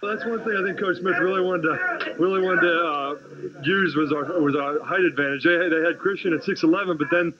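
Young man halting through a noisy postgame interview. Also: fairly high pitch. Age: 20s. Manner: halting, repeats words, chuckles. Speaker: college basketball player. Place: crowded arena hallway. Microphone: handheld reporter mics. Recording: lo-fi 1990s TV clip with crowd.

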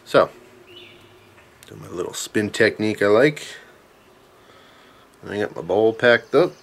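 A man in his thirties giving a casual, chatty product review in a halting, thoughtful way, pausing between short phrases. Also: on the low side, expressive, vocal fry, fairly bright tone. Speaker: pipe tobacco reviewer.

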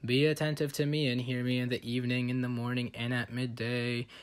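A man reciting liturgical prayers in a church service with steady, even delivery. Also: mid-range voice, a little fast.

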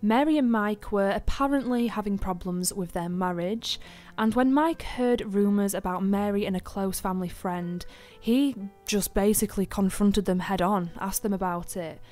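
A woman tells a true crime case on her podcast in a loose, conversational way. She is chatty and opinionated, filling her talk with ums, asides and blunt verdicts, and her voice sits at an ordinary middle pitch. Faint music plays quietly behind her. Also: moderate pace. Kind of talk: casual true crime storytelling.

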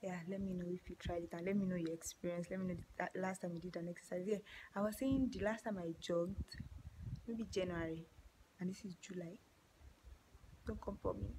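A woman with a Nigerian accent, out of breath after exercise, chatting playfully to her viewers and often dropping to a breathy half-whisper. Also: fairly low pitch, fairly even intonation, fairly quick, mellow, a little hiss or hum, poor audio. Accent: Nigerian English. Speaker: vlogger. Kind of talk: casual chat to camera.

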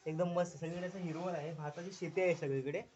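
A man's voice: fairly high pitch, fairly even intonation, quick pace, darkish tone, lo-fi sound. Upbeat man vlogging on a rainy village walk. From Konkan, India. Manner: upbeat, keeps praising what he films. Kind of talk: casual walking tour narration. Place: village outdoors in rain.

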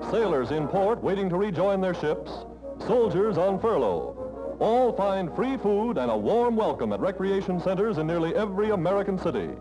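A man's voice: sits high, big pitch swings, lo-fi sound. Man narrating an old newsreel. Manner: brisk emphatic announcing over music. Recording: old 1940s newsreel soundtrack with loud music. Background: loud brass music.

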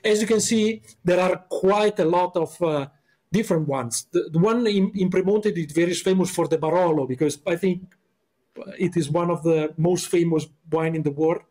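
A man's voice: high-pitched, moderate pace, a little mellow. A man from Italy with an Italian accent, a podcast guest chatting casually and searching for words with many fillers.

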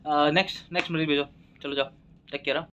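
A man acting out a comic sketch, playing a loud, exasperated doctor and his patients. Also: a little high, steady tone, quick pace, background noise. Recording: dull lo-fi sound.

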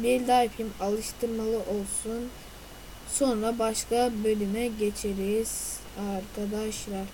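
A woman's voice: a little high, a little hiss or hum, rough recording. A woman hosting a let's play video, chatting to her viewers while she plays and bursting into silly noises and outbursts at the game. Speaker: gaming video host. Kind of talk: let's play gameplay commentary.

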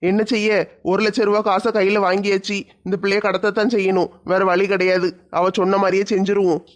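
A man's voice: sits high, level tone, brisk, close to an everyday voice. A man voicing a guilty, reluctant kidnapper muttering to himself in a cartoon. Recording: dull lo-fi sound.

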